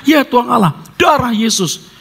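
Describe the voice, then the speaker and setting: A man's voice: very high-pitched, lively intonation, measured pace, creaky, a bit bright, husky, pitched above the performer's own voice, full character voice. A man voicing a frightened seafaring man who keeps repeating a pleading prayer in a storm. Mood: frantic pleading.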